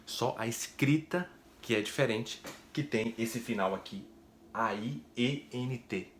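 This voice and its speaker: A man teaching French in a casual video lesson, explaining step by step and tagging sentences with quick questions. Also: medium pitch, a little hiss or hum. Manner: chatty, explains step by step with frequent "né?" tags.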